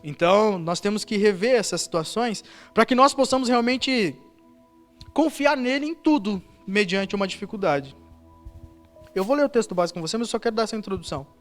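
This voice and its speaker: A Brazilian man preaching a sermon as pastor, with a rather high voice. He builds his story by repeating words for emphasis, and soft music plays faintly behind him in the church. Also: expressive, a little fast. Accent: Brazilian Portuguese. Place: church service.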